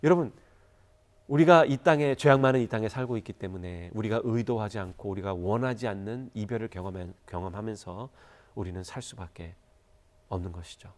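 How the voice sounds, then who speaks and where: A man's voice: fairly low pitch, brisk. A Korean man preaching a church sermon, telling a moving story and rising to fervent appeals. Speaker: pastor.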